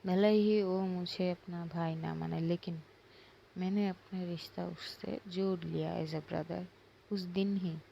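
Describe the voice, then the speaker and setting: A woman's voice: on the low side, steady tone, slow pace, creaky, muffled recording, slight background noise. A woman playing a protective young man who speaks earnestly and soothes a crying child.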